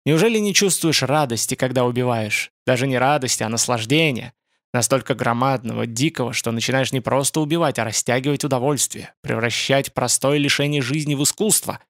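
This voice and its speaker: A man reading an audiobook, voicing a creaky, sinister old male spider-man mage in a slow, gloating manner. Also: medium pitch, fairly bright tone, no room sound, studio quality, natural voice. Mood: menacing. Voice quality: creaky, clicking voice.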